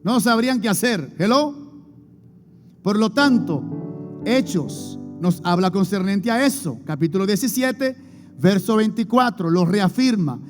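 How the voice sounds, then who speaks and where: Male pastor, emphatic sermon with call-and-response, high-pitched, faint music underneath. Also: expressive, a little slow. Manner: emphatic preaching with call-and-response prompts to the congregation. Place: church hall before a congregation. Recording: long hall reverb, faint music behind.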